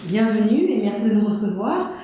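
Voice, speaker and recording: A woman's voice: mid-range voice, sing-song, a little fast, dark tone. A woman interviewing a guest, asking polite, probing questions. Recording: very echoey room with faint noise.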